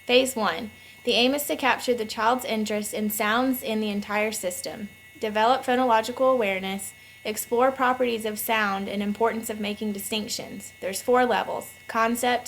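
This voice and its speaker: A woman reading a scripted narration at a measured, formal pace as a voice-over. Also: medium pitch, slight background noise, low-quality recording. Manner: measured, reads slowly and formally.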